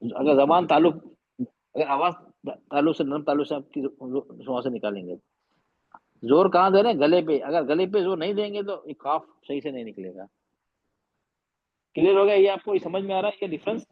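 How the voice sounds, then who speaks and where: A man's voice: fairly high pitch, animated, moderate pace. Patient male teacher on a muffled video call. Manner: patient, repeats points, mixes English phrases. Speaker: tajweed teacher. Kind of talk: online class explanation.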